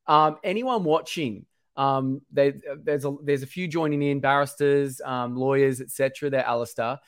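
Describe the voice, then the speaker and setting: A man hosting a live-streamed interview show, reading out viewer comments and agreeing warmly with his guest. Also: medium pitch, steady tone, moderate pace, dry recording, studio quality.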